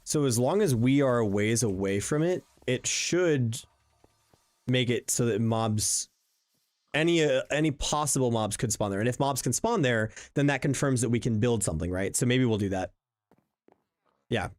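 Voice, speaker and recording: A man's voice: mid-range voice, animated, moderate pace. A young man thinking aloud while streaming a block-building game, chatty and full of fillers, answering viewers as he plays. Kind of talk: casual live-stream gameplay commentary. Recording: faint background music under the voice.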